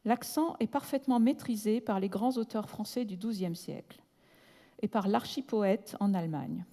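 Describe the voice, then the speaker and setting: A woman reading a prepared academic lecture at a measured, deliberate pace, slowing down to spell out technical terms. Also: mid-range voice, dark tone. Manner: breaks off with brief asides in English. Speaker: conference speaker. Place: large lecture hall. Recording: long hall reverb.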